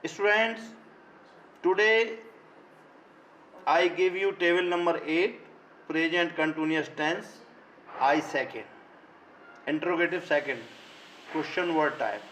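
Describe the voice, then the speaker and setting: Slow, deliberate Indian man teaching. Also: fairly high pitch, fairly bright tone, slight background noise, rough recording. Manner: slow, deliberate, dictation-like; switches between English and Hindi. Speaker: school teacher. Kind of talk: online grammar lesson.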